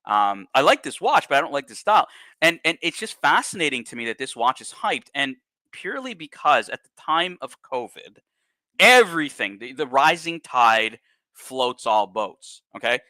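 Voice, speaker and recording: On a livestream, a male host speaks at a normal speed in a slightly high voice with a bright, forceful edge. He's casual and blunt, swears freely, and launches into animated asides, with dry, close sound and little echo.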